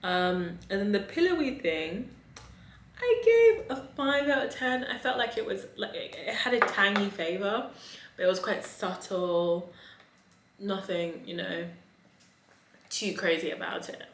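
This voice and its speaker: A woman's voice: medium pitch, measured pace, fairly bright tone. Campy woman vlogger in an echoey room. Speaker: restaurant review vlogger. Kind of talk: casual, chatty video review. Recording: echoey, roomy voice recording.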